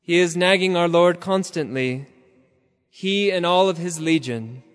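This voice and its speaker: A man preaching a sermon slowly and solemnly, sometimes half-chanting his phrases. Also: high voice, clean tone, long reverb tail.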